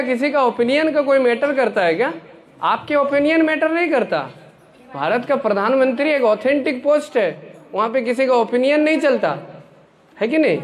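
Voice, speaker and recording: High-voiced man telling a lively sermon. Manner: animated, asks audience questions, acts out story characters. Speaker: preacher. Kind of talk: sermon with storytelling.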